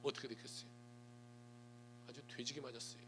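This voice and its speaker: A male pastor preaching a sermon, telling a story and swinging between hushed asides and loud emphatic lines. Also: medium pitch, flat delivery, a little fast, noisy background. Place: church sanctuary.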